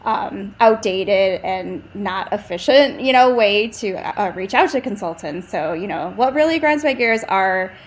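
A woman's voice: mid-range voice, lively intonation, a little slow, hardly any pauses, rough recording. A woman guest in a casual interview, chatty and thinking aloud with many fillers. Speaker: agency co-founder, guest.

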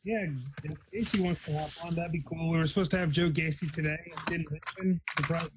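Fast-talking, upbeat male podcast host. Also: on the high side, steady tone, very noisy. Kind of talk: casual chat.

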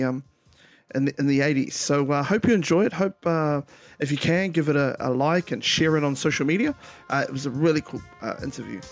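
A man chatting casually and slangily as a podcast host. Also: a little high. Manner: slangy, says bro often. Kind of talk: casual chat.

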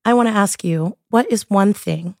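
A woman hosting a podcast in a casual, colloquial way, her voice husky after laryngitis. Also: mid-range voice, normal speed, no echo, clean studio sound. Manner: relaxed, colloquial, lists things in rhythmic runs. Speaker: podcast host.

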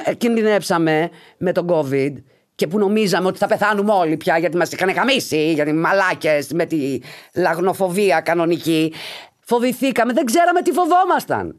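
A woman hosts a podcast and talks casually to her listeners in a chatty monologue. Her pitch swings widely as she goes, and she swears freely in an animated way. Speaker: podcast host.

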